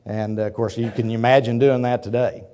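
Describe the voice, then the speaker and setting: An Oklahoma businessman in his fifties, his voice giving out from a cold, delivers a rambling, folksy guest lecture in a university auditorium, often addressing the audience directly. He speaks a little fast in a smooth, dark, medium-pitched voice with flat delivery.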